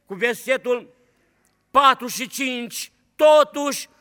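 A man preaching a fervent sermon, swinging between loud declarations and hushed storytelling. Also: extremely high pitch, clear, resonant tone. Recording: long hall reverb.

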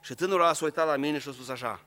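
A man's voice: fairly high pitch, sharp tone, long reverb tail. A man preaching a sermon, speaking earnestly and straight to his congregation. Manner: earnest, addresses the congregation directly.

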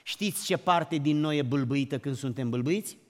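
A man preaching a sermon, emphatic, climbing to loud exclamations and then dropping low. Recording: long hall reverb.

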